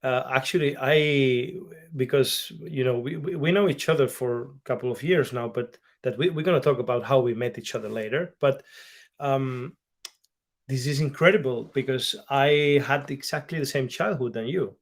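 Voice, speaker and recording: A man in his thirties with a Spanish accent, co-hosting a casual podcast chat in halting English full of fillers. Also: medium pitch. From Mallorca, Spain. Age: 30s. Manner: halting non-native phrasing, many fillers. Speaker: podcast co-host.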